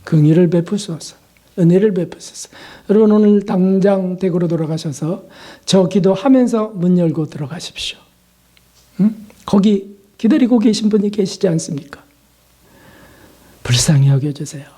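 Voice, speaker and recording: An older man preaches a sermon as a pastor in an earnest, high-pitched voice at normal speed. He puts questions to his listeners and drifts into soft prayers.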